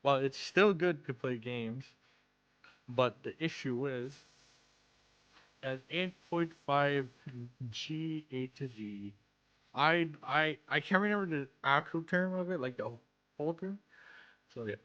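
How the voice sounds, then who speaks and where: A man's voice: fairly high pitch, lively intonation, fairly bright tone, lo-fi sound. Man, slushy lisp on s, slightly slurred, casual vlogger, rambling restarts. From Canada. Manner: halting, rambling, repeats and restarts phrases. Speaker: content creator and streamer. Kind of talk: casual self-introduction vlog.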